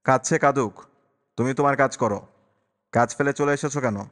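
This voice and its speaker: A man voicing a harsh, bitter young mother who snaps back with sharp, fast retorts. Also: a little high, clear, resonant tone, voice pushed up, natural voice. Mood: bitter angry. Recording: long reverberant echo.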